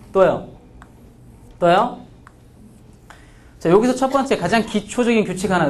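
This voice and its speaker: A man lectures on English grammar with a high voice that leaps up and down. He keeps asking the class questions and sounds out example words syllable by syllable. He slides between casual and polite speech. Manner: lively, asks students frequent questions; acts out pronunciations.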